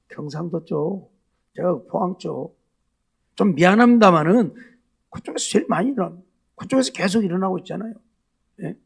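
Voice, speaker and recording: A man's voice: sits high, a bit bright. A male pastor preaching a Sunday night sermon, asking the congregation rhetorical questions again and again. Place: church sanctuary.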